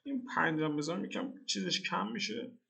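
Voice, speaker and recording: A man's voice: high-pitched, expressive, creaky, sharp tone. Joking young man talking through code. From Iran. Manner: joking, slangy, thinks aloud. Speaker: programming tutor. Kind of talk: casual screen-recorded coding tutorial.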